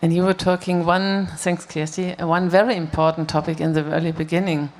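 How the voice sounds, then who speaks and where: A panelist talking in a halting way, with fillers, on a stage panel. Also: male voice, fairly high pitch, little pitch movement, a little hiss or hum. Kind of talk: panel discussion.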